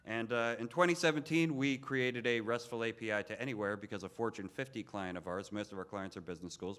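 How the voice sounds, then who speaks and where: A man's voice: fairly low pitch, fairly bright tone. A man giving an informal technical lightning talk as a conference speaker.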